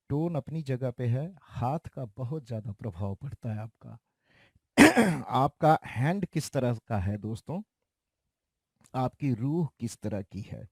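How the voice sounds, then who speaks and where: A man giving a slow, explanatory keyboard tutorial in a casual way, talking straight to his viewers. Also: on the low side, darkish tone, dry recording, studio quality. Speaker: keyboard teacher. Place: recording studio.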